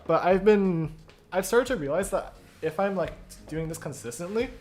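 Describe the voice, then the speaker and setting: A young adult streamer with a hoarse, croaky voice, casually thinking aloud while coding and often stopping to correct themselves. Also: medium pitch, expressive, moderate pace, darkish tone. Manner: thinks aloud, self-correcting, many fillers. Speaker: streamer studying compilers. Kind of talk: casual live-coding narration.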